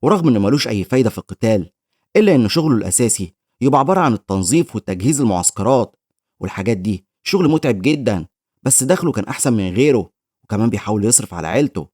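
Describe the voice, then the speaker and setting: A man's voice: fairly low pitch, animated, darkish tone, dry recording, studio quality. A man with an Egyptian Arabic accent giving scripted recap narration of a story. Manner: rapid storytelling.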